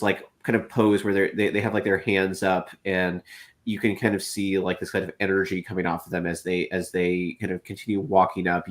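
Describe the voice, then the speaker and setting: A man running a tabletop role-playing game as game master, narrating with many fillers and restarts. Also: sits low.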